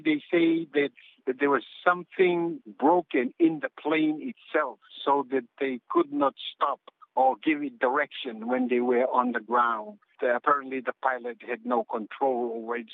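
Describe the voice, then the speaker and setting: A man from Tonga giving unscripted commentary as a news correspondent, somewhat halting, over a phone line. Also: medium pitch, no room sound. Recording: tinny, dry phone line.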